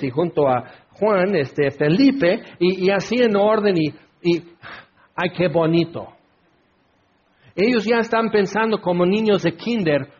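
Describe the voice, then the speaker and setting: A man preaching a sermon in an animated way, acting out the crowd's voices. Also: high-pitched, husky. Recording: dull lo-fi recording.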